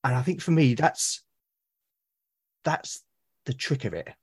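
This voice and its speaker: In a casual podcast conversation about solo roleplaying, a British guest speaks in a medium-pitched voice that is husky and darkish, delivered very animatedly but a little slowly. He is thoughtful and talks at length, frequently looping back to put his point another way.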